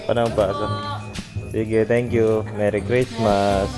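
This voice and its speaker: Soft-spoken dad narrating a family vlog. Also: male voice, little pitch movement, takes it slowly, over music. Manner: soft, low-key murmured narration. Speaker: family vlogger, father. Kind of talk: casual home vlog narration. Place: family home.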